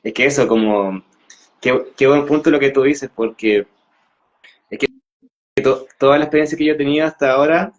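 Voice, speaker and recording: A man's voice: mid-range voice, moderate pace, long pauses. A man talking casually in a live conversation, hesitant and searching for words. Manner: hesitant, many restarts and fillers. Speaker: co-host. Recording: dull lo-fi sound.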